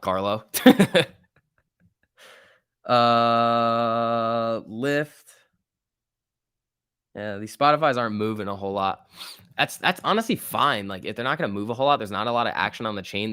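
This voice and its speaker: A man with a forceful, slightly low voice streams live stock trading in a dry, close sound. He talks casually and slangily, repeating words as he reacts to price moves and reads out chat. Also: moderate pace, smooth, dry recording. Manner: informal slangy muttering to himself, repeats words. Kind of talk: casual live market commentary, reading out chat.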